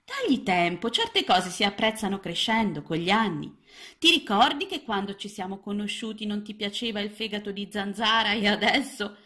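A woman's voice: mid-range voice, lively intonation, moderate pace, bright, forceful tone, pitched above the performer's own voice. A woman voicing a motherly middle-aged female frog, a fussy, doting housewife who bustles about. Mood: soothing.

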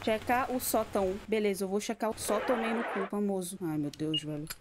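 A woman's voice: medium pitch, fairly quick. A young woman with a Brazilian Portuguese accent giving casual, profane horror-game commentary that breaks into yelps at the scares. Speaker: gameplay video creator. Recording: noisy recording with clicks.

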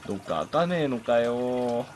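A man's voice: medium pitch, very animated, moderate pace, background noise. A man commentating a horror game, jumpy and chatty, bickering with the game. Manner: jumpy, talks back at the game with jokes and complaints.

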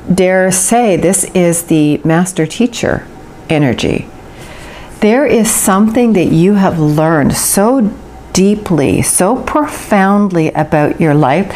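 A woman reads tarot cards for an unseen viewer in a flowing, earnest voice. She leans on words by drawing them out slowly, at a middling pitch. A faint noise sits under the recording. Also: darkish tone. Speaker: tarot reader. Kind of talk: intuitive tarot reading to camera.

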